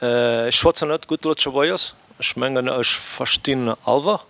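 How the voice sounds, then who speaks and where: A man's voice: medium pitch, unhurried, vocal fry, a bit bright, no room sound. A Portuguese-born man with Portuguese as his first language, speaking hesitantly with many fillers as an audience member.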